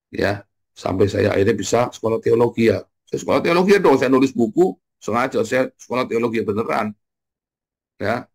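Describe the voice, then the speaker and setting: A man preaching an informal morning sermon, blunt and teasing, swinging from loud jabs to low murmurs. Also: vocal fry, husky. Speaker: pastor.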